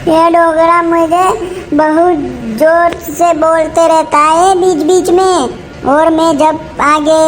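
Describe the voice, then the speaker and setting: A woman voicing a sharp-tongued young daughter-in-law who scolds and complains in a village cartoon. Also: high voice. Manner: scolding, indignant. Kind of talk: cartoon voice acting.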